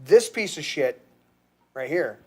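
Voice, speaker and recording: A man's voice: a little high, expressive, slow pace, a bit bright, husky. A middle-aged man hosting a podcast, ranting heatedly and crudely with frequent restarts. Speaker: podcast host. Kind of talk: casual profane rant.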